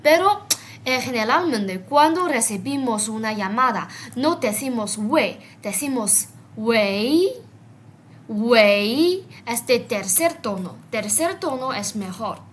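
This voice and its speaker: Slow woman teaching words, bright voice, bit of hiss behind. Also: fairly high pitch, animated. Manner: explains word by word, repeats and stresses Chinese words. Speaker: Chinese language teacher. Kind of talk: slow vocabulary lesson.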